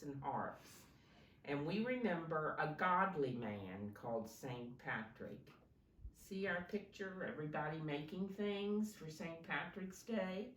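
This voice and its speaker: A woman with a low-pitched, slightly bright voice reads a picture book to young kids the way a teacher would, keeping explanations simple and prompting her listeners. The microphone is distant in a roomy space, with faint background noise.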